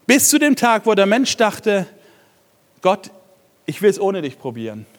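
A man preaching a sermon in an animated way, swinging from loud emphasis to hushed, slowed lines. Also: sits high. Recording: hall reverb.

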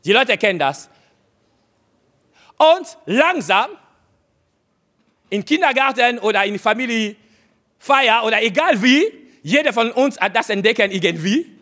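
High, lively male preacher. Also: unhurried, long pauses. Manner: emphatic, repeating short exhortations; addresses listeners directly. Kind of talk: sermon.

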